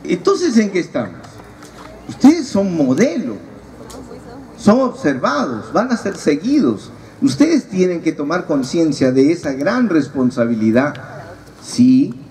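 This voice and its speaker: Joking male preacher with a lively voice. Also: on the high side, takes it slowly. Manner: joking, teasing the audience. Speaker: speaker at a youth retreat. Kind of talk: humorous preaching talk. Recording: distant mic, audible crowd, noisy.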